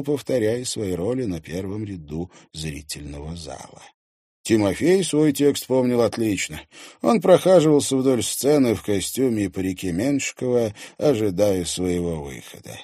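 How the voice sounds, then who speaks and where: A man narrating a novel in a scripted, expressive audiobook reading. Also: low voice, husky, no echo, clean studio sound. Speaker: audiobook reader.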